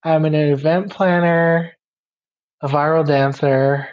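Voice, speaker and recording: A young man from Guyana, guesting on a podcast, chats casually in an interview and laughs easily. His voice sits on the high side and he takes it slowly, talking in loose run-on phrases. The recording sounds somewhat dull and muffled.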